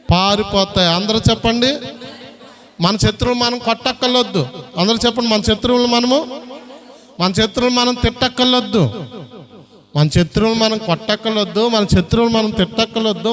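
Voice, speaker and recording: A man preaching a sermon as pastor, repeatedly urging the congregation to answer aloud. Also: high-pitched. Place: prayer hall. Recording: long hall reverb.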